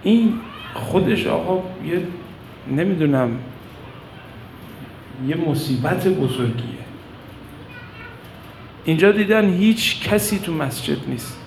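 A man preaching a religious sermon, telling stories with impassioned rises and hushed drops. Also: lively intonation, vocal fry, long pauses, slight background noise. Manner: impassioned, rising to cries and dropping low. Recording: echoey room with faint ambience.

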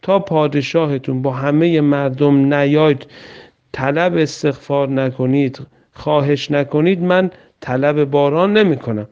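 A man's voice: fairly high pitch, fairly even intonation, a little mellow, smooth, natural voice. A man voicing a hungry, stern prophet in a religious story, insistent and commanding. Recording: dull lo-fi recording.

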